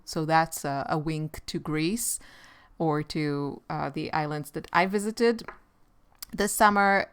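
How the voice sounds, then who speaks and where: A woman with an Israeli accent chatting casually about her art while she paints, relaxed and rambling. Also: low voice, clean tone. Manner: relaxed, rambling, with light laughs. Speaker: artist and channel host.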